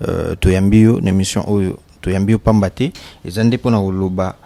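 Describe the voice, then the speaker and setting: A Congolese TV journalist with a French accent, interviewing a guest in a studio. His voice is fairly low, with dry, close sound and no room echo. He leads the talk with energy, pushing his questions forward. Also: fairly even intonation, normal speed, gravelly, mellow. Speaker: TV journalist, host. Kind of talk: TV interview, mixing French and Lingala.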